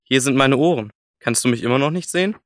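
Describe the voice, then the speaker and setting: A cheeky talking toy rabbit, voiced by a man speaks in a mid-pitched, playful, lively voice. It sounds sure of itself and amused. The dry studio sound has no room echo. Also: fast, close to an everyday voice. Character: talking plush rabbit, cheeky and self-assured. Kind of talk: scripted language-course radio play.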